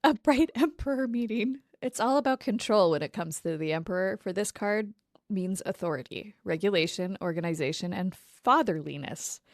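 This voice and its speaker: A woman's voice: lowish voice, no echo, studio quality. A woman co-hosting a casual podcast, reading tarot card meanings aloud and chatting, often laughing, over a remote call. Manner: laughs often, reads aloud then chats. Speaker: podcast co-host. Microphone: remote call recording.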